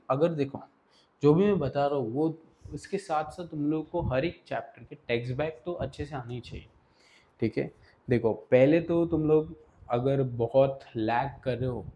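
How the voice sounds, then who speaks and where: A man's voice: medium pitch, warm tone, a little hiss or hum. A man teaching an exam revision lesson in a casual, directive way, often checking in with his students. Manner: casual, directive, Hindi-English mix, repeats "ठीक है".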